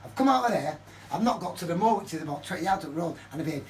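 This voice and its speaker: Older man, high-pitched, profane and heated, off-mic with light hiss. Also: animated, very fast. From Manchester, England. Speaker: vlogger. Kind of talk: casual storytelling to camera. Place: his flat, indoors. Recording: distant mic with faint background noise.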